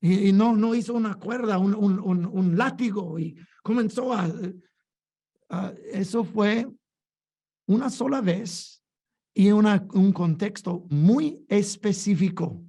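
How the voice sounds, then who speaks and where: A man's voice: sits high, dark tone. A man preaching a sermon, emphatic and full of rhetorical questions, often repeating his words.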